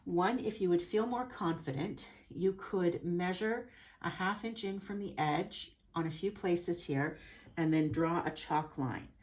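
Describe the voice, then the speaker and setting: A woman giving a step-by-step hands-on tutorial as an instructor, speaking in a careful, unhurried, informal and reassuring way. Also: on the low side, a little mellow. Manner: careful, unhurried, explaining each small step. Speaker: sewing instructor. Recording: some background noise.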